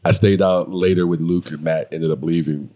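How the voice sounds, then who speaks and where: A man with a low-pitched, mellow voice, fairly even intonation and normal speed co-hosts a casual podcast chat with his wife. He jokes and teases, laughing often as he tells stories.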